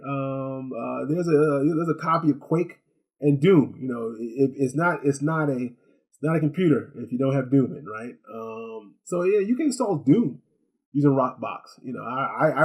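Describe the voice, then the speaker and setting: A gadget review host with a voice on the high side and a darkish tone reviews a product casually and without a script. He rambles, repeats words, and keeps up chatty asides and check-ins like "right?"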